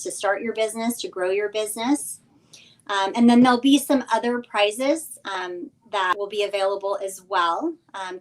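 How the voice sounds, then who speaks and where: A woman's voice: mid-range voice, low-quality recording. Woman coach on a live stream, casual announcement style, walking folks through details and nudging them to act. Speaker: business coach, guest sponsor. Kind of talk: informal livestream announcement. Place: remote live video stream.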